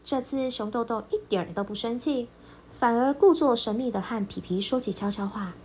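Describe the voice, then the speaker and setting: A woman storyteller narrating a children's storybook in an expressive, lilting voice. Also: a little high, a little hiss or hum. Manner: expressive, lilting, slow and clear.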